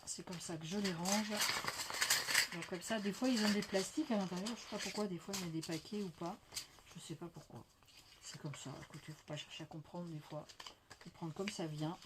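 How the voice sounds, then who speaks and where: French woman, home haul vlogger, low-pitched, a little hoarse, chatty and enthusiastic, light background noise. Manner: chatty, gushing, many fillers. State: slight cough, veiled voice. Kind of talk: casual show-and-tell haul. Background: faint clatter of dishes.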